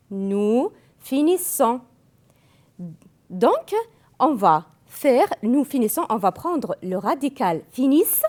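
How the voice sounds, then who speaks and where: A woman whose first language is Arabic, teaching French grammar slowly, spelling out verb endings and repeating each form. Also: on the high side, darkish tone. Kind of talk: classroom grammar lesson.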